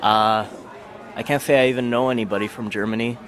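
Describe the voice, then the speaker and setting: A man's voice: mid-range voice, fairly even intonation, brisk, a bit bright. A man answering questions casually in a street interview.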